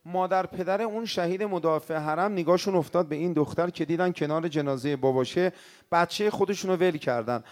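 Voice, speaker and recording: A male cleric telling a mournful story in a sermon, swinging from hushed words to crying out. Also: fairly high pitch. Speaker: cleric preacher.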